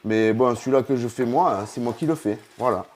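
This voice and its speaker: A man's voice: mid-range voice, fairly quick, darkish tone, slight background noise. A man hosting a casual home cooking vlog, talking chattily straight to the viewer. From southern France. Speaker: cooking video host. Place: home kitchen.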